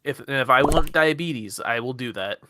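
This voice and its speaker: A man's voice: medium pitch, expressive, normal speed, background noise. A man on a casual stream chatting and telling stories with a dry, wry humor. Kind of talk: casual chat, telling anecdotes.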